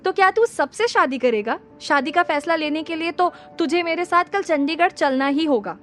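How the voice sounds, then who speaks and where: A woman's voice: high-pitched, normal speed, a bit bright, voice pushed up. A woman playing a stubborn doting mother. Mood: insistent. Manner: insistent, scolding. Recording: music playing under the voice.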